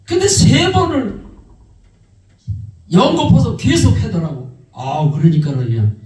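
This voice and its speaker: Speaking slowly in a high voice, a male pastor shares a testimony during a sermon, animatedly acting out the people in his story. The mic is far off in an echoey church sanctuary.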